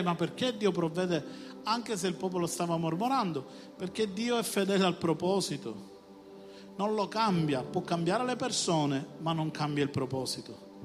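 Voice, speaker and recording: A man preaching a sermon with passion, rising to emphatic call-and-response. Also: on the high side. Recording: reverberant hall with music behind. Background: music.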